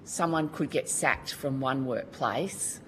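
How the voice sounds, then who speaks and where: In a low-quality recording with slight background noise, an Australian woman speaks slowly in an extremely low-pitched voice. Her testimony at the Senate committee hearing is formal yet earnest and colloquial, marked by frequent restarts.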